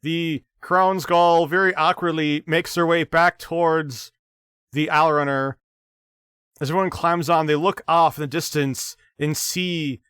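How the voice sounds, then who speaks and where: A man narrating a tabletop game as its dungeon master. His voice is smooth and resonant and sits a bit high for a man. He tells the scene steadily, restarting a word here and there. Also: bright, forceful tone, dry recording, studio quality.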